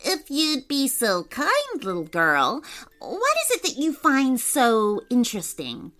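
A woman's voice: fairly high pitch, huge pitch swings, takes it slowly, a bit bright, exaggerated voice. A woman doing a prim fussy little bat. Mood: prim, dismissive.

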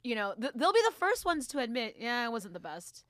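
A woman's voice: on the high side, fairly quick, no echo, clean studio sound. A woman comic book writer chatting casually as a podcast guest, laughing often and dropping her voice when she gets controversial. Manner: animated, laughs often, drops to near-whisper when getting controversial.

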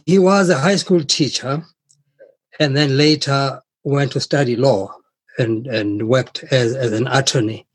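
A man in his seventies from South Africa, a writer answering interview questions slowly and deliberately, with hesitations. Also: medium pitch, breathy edge. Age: 70s.

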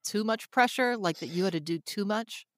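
A woman co-hosting a podcast interview who asks curious, halting follow-up questions. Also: medium pitch, no room sound, studio quality. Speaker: podcast co-host.

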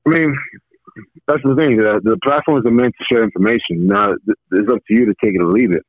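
A man calling in to a podcast over a muffled, bass-heavy phone line, talking in a calm, laid-back, reassuring way. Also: fast, no echo. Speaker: caller. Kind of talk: casual podcast chat.

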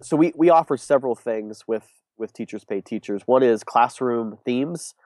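With a stuffy, sick-sounding voice, this young man is a business owner guesting on an interview. He speaks at normal speed in a mid-range, darkish tone with no room sound, chatting loosely and often filling or restarting his sentences.

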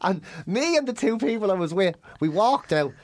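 Animated man telling stories. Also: sits high, normal speed, no echo. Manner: animated, swearing, mimics others. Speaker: podcast host, comedian. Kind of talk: casual storytelling chat.

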